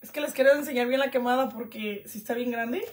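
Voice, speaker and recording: A woman's voice: fairly high pitch, quick pace. A young woman, chatting casually through a live unboxing and reading out viewer comments. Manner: chatty and self-joking, reads out viewer comments. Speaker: vlogger doing a live unboxing. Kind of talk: casual live-stream chat.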